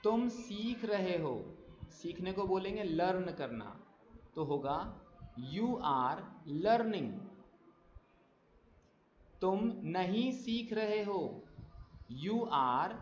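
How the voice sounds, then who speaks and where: High-voiced man teaching slow English drills. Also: lively intonation, slight background noise. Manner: slow drilled example sentences with quick explanations in between. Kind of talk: spoken English lesson. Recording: echoey, dull lo-fi room sound.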